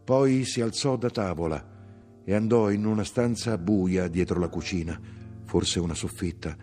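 A man narrating a literary audiobook in an expressive, measured way. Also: sits low, soft background music. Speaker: audiobook reader.

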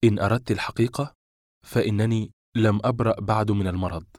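A weary, evasive man, played by a male audiobook reader answers in short, listless phrases. The voice sits low, and the sound is dry and close, with no room around it. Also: fairly even intonation, quick pace, a little mellow, no room sound, natural voice.

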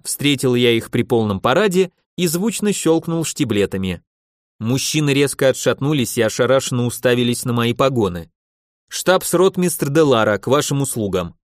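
A man's voice: mid-range voice, dry recording, clean studio sound. A man reading a novel aloud as an audiobook narrator, with a wry, storytelling manner.

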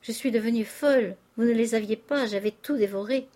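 A woman's voice: fairly high pitch, fairly quick, mellow, natural voice. A woman reading aloud, voicing a distraught young aristocratic wife making a tearful confession. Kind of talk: audiobook character reading.

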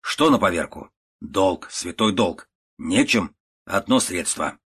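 A stern, unshakable old uncle , as a man reads him out in a storybook. He speaks in curt, clipped phrases, low and husky. Quiet and level throughout. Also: expressive, slow pace, full character voice. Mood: stern, calm. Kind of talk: storybook reading.

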